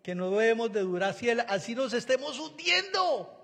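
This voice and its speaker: High-voiced preacher guy, acts out the voices, asks the crowd questions, lots of hall reverb. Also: a little fast. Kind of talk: sermon.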